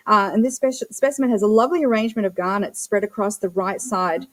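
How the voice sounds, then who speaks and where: A woman's voice: mid-range voice, quick pace. A woman working as a live auctioneer, chanting bid numbers and prompts between short descriptions of the lots.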